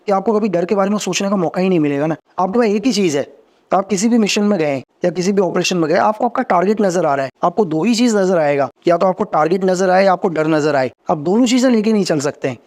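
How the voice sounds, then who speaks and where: An animated, high-pitched man with a darkish tone speaks as a podcast guest and former agent in his middle years. In a casual interview about his story, he is rapid and earnest, repeats phrases, and rises in energy when he explains.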